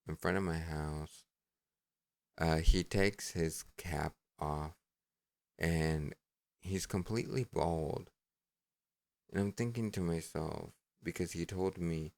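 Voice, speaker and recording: A man's voice: deep voice, a little mellow, clear, resonant tone, dry recording. A man casually telling a dating story to his viewers, rambling and correcting himself as he goes. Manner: rambling, self-correcting, reads messages aloud. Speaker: vlogger.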